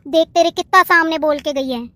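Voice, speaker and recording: A domineering, meddling sister-in-law in a cartoon, as a woman puts her on, lecturing her brother at length. Her voice is high but set a little lower than the young wife's, and it is recorded dry and close. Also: a little fast, sharp tone, no room sound.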